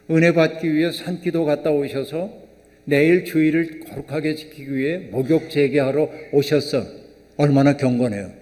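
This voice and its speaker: An older man preaches to his congregation, casual and conversational, tossing questions out to the pews. His voice sits slightly high with a warm, mellow tone. It rings through a church hall with a long reverb. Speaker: pastor. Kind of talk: sermon. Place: church sanctuary.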